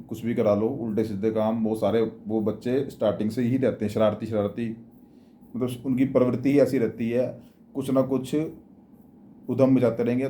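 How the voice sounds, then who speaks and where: A man's voice: fairly low pitch, mellow, a little hiss or hum. A man giving plain, repetitive spiritual and astrology advice in a casual spoken manner, often restarting his words. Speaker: astrology and devotional speaker.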